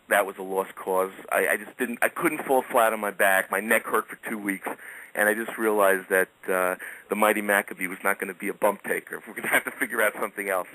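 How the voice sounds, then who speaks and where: A man's voice: fairly low pitch, pushed and bright, rough recording. A middle-aged man telling casual anecdotes as a radio guest, chatty and chuckling often.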